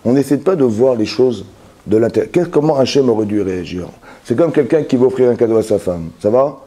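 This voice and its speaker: A man's voice: mid-range voice, expressive, brisk, warm tone. A man, a rabbi, giving a Torah lesson that explains with everyday examples, with many restarts and repeated words, often checking that his listeners follow.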